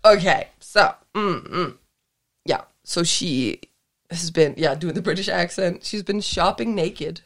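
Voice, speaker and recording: A woman's voice: lowish voice, a little slow. A woman co-hosting a podcast, chatting casually in a rambling, giggly way and swearing freely. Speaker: podcast co-host.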